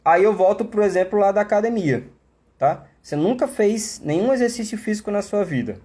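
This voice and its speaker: A man's voice: sits high, animated, a little fast, warm tone, slightly rough. Chatty Brazilian male English teacher. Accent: Brazilian Portuguese. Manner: chatty, explanatory, many tag questions. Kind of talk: live online class.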